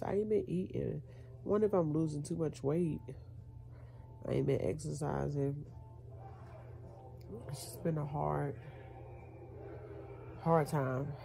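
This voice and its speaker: Lying back in bed indoors, a creaky-voiced, congested American vlogger chats to the camera as she heals from nose surgery, a headache nagging her. Her voice sits low with a dark tone. The recording is rough, made on a home camera or phone held close in the bedroom, with clear background noise.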